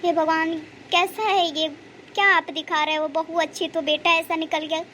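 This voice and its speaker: A high, bright-pitched woman playing a pious, sentimental mother-in-law in a cartoon story. She prays aloud and lavishes praise on her daughter-in-law. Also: a little fast, slight background noise. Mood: upset. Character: emotional older Indian mother-in-law, pious and doting.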